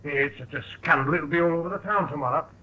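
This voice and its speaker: A jealous, bad-tempered husband, played by a man, blusters gruffly in a fairly high voice. It is an old 1950s radio drama with a dull, lo-fi sound. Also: fast, lightly acted. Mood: angry.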